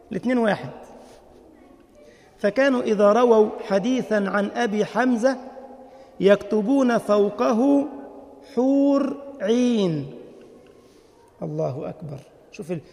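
Egyptian preacher guy, high voice, long hall reverb, telling stories in a lively way. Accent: Egyptian Arabic. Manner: animated storytelling, mixing formal Arabic with dialect. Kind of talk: religious lesson.

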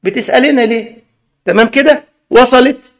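A man's voice: very high-pitched, fairly quick. A man with an Egyptian Arabic accent preaching a sermon, emphatic and scolding with rhetorical questions.

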